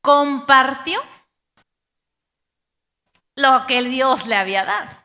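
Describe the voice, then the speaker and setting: A woman pastor preaching a sermon, animated and acting out the voices of believers. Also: sits high, slow pace. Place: church hall. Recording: live church stream with long hall reverb.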